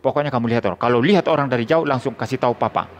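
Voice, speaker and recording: A man playing a scheming father in a sermon story, giving hushed instructions to his child. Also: mid-range voice, very fast, a little hiss or hum, lightly acted. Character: scheming father stealing melons, nervous.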